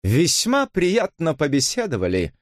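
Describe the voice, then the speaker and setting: A man's voice: sits high, sing-song, unhurried, darkish tone, dry recording, clean studio sound, voice pushed up, heavily acted. Man doing a languid, scornful glamorous woman. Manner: languid, drawling, contemptuous. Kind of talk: audiobook reading.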